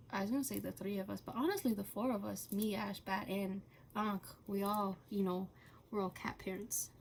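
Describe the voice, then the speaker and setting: A channel host, a woman, chats casually while coloring, rambling, stopping often with fillers and laughing between thoughts. Her voice is mid-range and creaky, with slight background noise.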